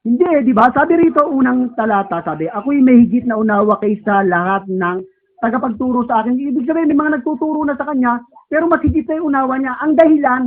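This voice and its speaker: High-pitched man preaching in a tinny recording. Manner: asks the congregation frequent rhetorical questions; prompts a reader through scripture verses. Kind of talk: conversational Sunday sermon. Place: church service. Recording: tinny phone-like sound.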